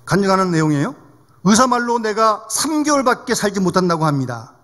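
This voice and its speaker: A male pastor delivers a sermon with a high, animated voice that rises and falls a lot. He talks to the congregation in a conversational way and keeps asking them questions. The long reverb of a church hall hangs behind him. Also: a little fast. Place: church sanctuary.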